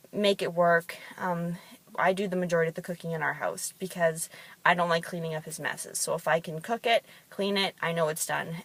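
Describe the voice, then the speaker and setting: A woman who works in fitness and competes in bodybuilding, telling chatty stories with frequent ums. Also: fairly low pitch. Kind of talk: casual storytelling monologue.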